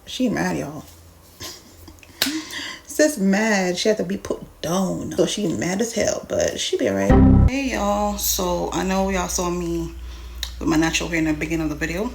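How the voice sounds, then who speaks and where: A woman's voice: on the low side, moderate pace. A woman vlogger chatting casually and informally, addressing her viewers directly in slangy speech. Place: partly inside a car. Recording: clear background noise, car ambience.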